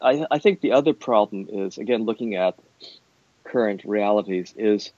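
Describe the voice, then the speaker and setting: A middle-aged man with a dark, relaxed, lowish voice talks like an academic in a thoughtful interview. His phrasing is discursive and hesitant, and the sound is dull and roomy. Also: moderate pace. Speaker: university academic being interviewed.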